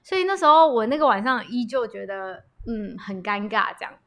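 A woman's voice: a little high, sing-song, a little fast, pushed and bright. A woman, a guest retelling events in a casual chat, with hesitant fillers and English words mixed in.

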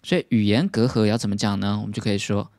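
A man's voice: lowish voice, fast talker, darkish tone, no echo, studio quality. A man with a Taiwanese Mandarin accent teaching English news vocabulary, explaining each word steadily and stressing the English terms.

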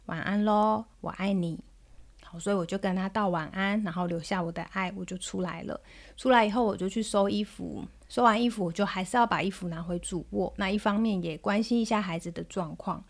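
Taiwanese mandarin lady in her 30s, podcast host, gentle calm storytelling about her kid. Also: medium pitch, fairly quick. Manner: gentle, soothing when quoting herself to her child. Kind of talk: storytelling monologue.

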